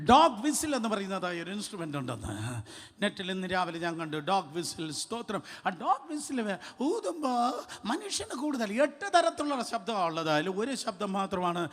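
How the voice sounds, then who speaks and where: Man, pastor, charismatic sermon, high voice, fervent, repetitive calls to the crowd, shouts and hushed asides. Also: sing-song, a little fast. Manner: fervent, calls out to the congregation, repeats phrases; shifts between loud shouting and hushed asides.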